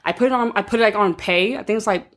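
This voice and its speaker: A woman's voice: medium pitch, fast talker. A woman co-hosting a podcast, chatting casually and bluntly, swearing freely and laughing through her stories. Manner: blunt, profane, laughing storyteller. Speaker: podcast co-host. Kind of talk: casual chat.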